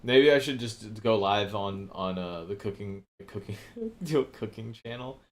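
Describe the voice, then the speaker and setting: Guy rambling on his livestream at home, kinda low voice, cusses a ton and keeps cracking up. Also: lively intonation, unhurried. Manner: rambling, swears often, laughs a lot. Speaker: livestream host. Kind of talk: rambling casual livestream chat.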